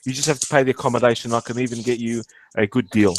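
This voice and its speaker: A man from Portugal hosting a casual online stream chat, halting and full of fillers and restarts. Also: medium pitch, steady tone, a little hiss or hum. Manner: hesitant, many fillers and restarts. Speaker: stream host.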